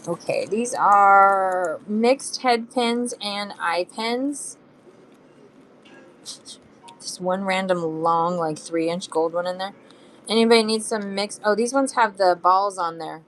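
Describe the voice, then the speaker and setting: Speaking slowly in a mid-range, fairly bright voice, a woman hosts a live online auction, showing beads and charms and chatting casually with buyers. Her throat is a bit phlegmy, and she fills gaps between items by humming and singing to herself. The recording is rough.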